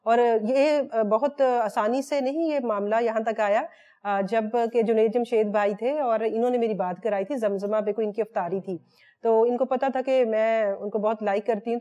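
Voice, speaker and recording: A woman's voice: on the high side, mellow. A woman from Pakistan, a guest speaking earnestly and devoutly about her husband on a talk show. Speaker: guest, wife of the former cricketer. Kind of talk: heartfelt talk-show chat.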